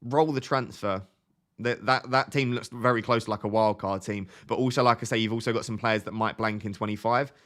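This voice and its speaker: Hosting a live stream, a young man in his twenties speaks a little fast in a lowish, steady, somewhat bright voice. He chats casually and thinks out loud as he replies to viewers, often restarting what he's saying.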